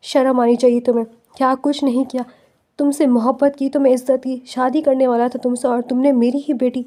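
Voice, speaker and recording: A woman's voice: high-pitched, level tone, close to an everyday voice. A woman reading as a hot-tempered businessman. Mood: furious. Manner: bewildered, then furious and shouting. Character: middle-aged man, proud businessman, hot-tempered.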